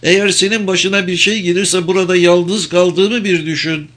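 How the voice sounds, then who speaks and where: A man voicing a gentle pleading young woman. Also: high voice, steady tone, normal speed, voice pushed up.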